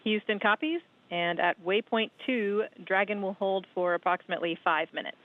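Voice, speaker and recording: A woman in mission control giving brisk, procedural replies over a crackly space-to-ground radio link. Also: mid-range voice. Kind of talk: terse radio callouts. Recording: narrowband radio link with faint hiss.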